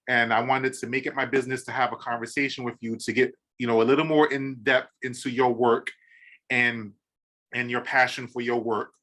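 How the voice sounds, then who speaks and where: Give me an enthusiastic male podcast host with a sharp, bright voice. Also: mid-range voice. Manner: enthusiastic, repeats "awesome" and fills with "um". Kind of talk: podcast interview.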